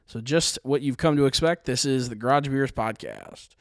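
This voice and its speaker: A man hosting a casual podcast from a home garage, introducing segments in a relaxed, rambling way. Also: mid-range voice, normal speed, creaky, no echo, clean studio sound. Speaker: podcast host.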